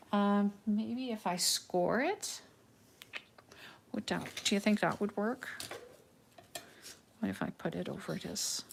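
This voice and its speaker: A middle-aged Dutch woman runs a live craft tutorial, chatting with her audience in a relaxed, wondering way full of ums. Her accented voice is medium-pitched with vocal fry, and a little hiss or hum can be heard.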